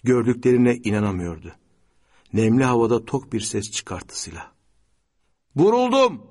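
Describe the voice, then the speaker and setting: Husky low-voiced male narrator. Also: normal speed, dark tone. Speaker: audiobook narrator. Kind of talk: scripted literary narration.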